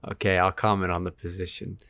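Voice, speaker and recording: A man's voice: deep voice, level tone, fast talker, gravelly, fairly bright tone. A man hosting a friendly chess sparring session, methodically calling out moves and laughing easily with his friend. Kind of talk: casual chess analysis chat.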